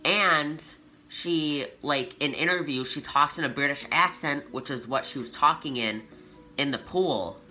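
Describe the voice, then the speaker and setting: A man's voice: on the high side, a little slow, faint music behind. A teenage boy telling a casual storytime to his channel, chatty and full of "like" fillers. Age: teens. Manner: chatty, filler-heavy with frequent "like"; youthful and animated. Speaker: vlogger.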